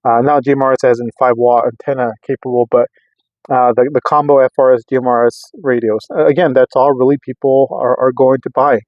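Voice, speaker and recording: This middle-aged radio vlogger's delivery is flat and a little fast, his pitch medium, as he casually tests gear to camera inside a vehicle on a road test. His talk meanders and doubles back over the same points. The sound is dry and lo-fi.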